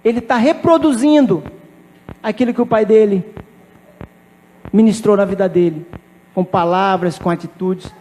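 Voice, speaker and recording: Man, pastor, sermon storytelling, very high voice, long echo of a church hall. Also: normal speed, long pauses, warm tone. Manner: storytelling, emphatic repetition. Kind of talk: sermon with personal testimony.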